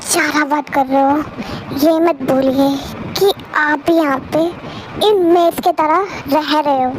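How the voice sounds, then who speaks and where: A man's voice: very high-pitched, steady tone, unhurried, background noise. A young woman doing a hot-tempered rich young man. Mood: cold anger. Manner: barking, scolding questions. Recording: voice over loud music.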